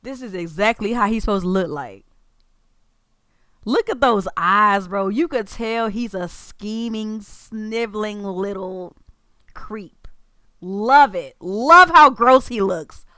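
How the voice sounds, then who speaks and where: A man's voice: high voice, slow, bright, forceful tone, no echo, studio quality. A man streaming a casual reaction to a game trailer, talking in an informal, slangy and emphatic way.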